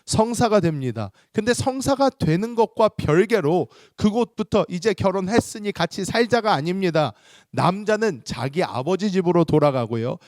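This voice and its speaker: Male pastor, sermon, fairly high voice, dry close sound, expressive storytelling. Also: normal speed, dry recording. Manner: expressive storytelling, pitch rising for emphasis and dropping low at key points.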